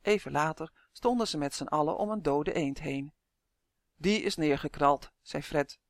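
A narrator reading a children's storybook aloud in a steady, clear telling. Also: mid-range voice, moderate pace, no echo, studio quality. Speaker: audiobook narrator.

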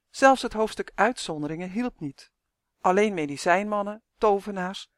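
A reader narrating a children's storybook in a steady, clear way. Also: medium pitch, no echo, studio quality. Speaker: audiobook reader.

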